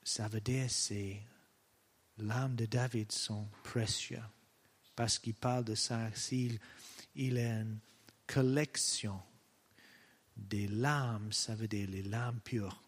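Slow, husky-voiced male preacher. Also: lowish voice, fairly even intonation. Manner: slow and halting, searching for words. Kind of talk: sermon.

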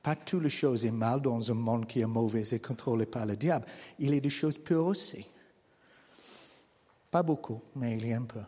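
A man preaching a sermon in French as a non-native speaker with a foreign accent, speaking slowly and haltingly with rhetorical questions. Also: medium pitch, dark tone, breathy edge, long reverb tail. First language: not French. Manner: slow, halting delivery with restarts and rhetorical questions. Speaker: pastor. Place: church hall.

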